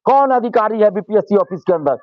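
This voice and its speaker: A man's voice: high-pitched, expressive, a little fast, no room sound, highs cut off. A male student leader, giving impassioned interview answers and repeating phrases for force.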